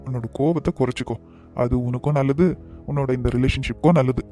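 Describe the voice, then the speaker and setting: A man voicing a calm young friend in a cartoon, gently talking a buddy out of his anger. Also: medium pitch, fast, faint music behind, lightly acted. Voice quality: soothing, persuasive.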